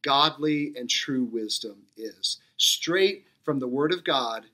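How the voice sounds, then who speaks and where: Bright-voiced male pastor preaching. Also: medium pitch, animated, slow. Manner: storytelling preacher who stresses key words; leads a spoken prayer. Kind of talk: sermon.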